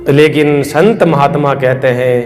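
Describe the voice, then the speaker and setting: A man, preaching a sermon and telling folk stories in a folksy, animated way. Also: medium pitch, measured pace. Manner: folksy, animated storytelling with rural idiom. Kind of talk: Ram katha sermon storytelling. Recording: reverberant hall, faint music.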